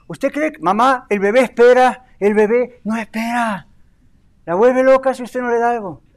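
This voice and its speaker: An older man preaching a sermon in an animated way, asking the congregation questions and dropping in English phrases. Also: high-pitched. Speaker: pastor.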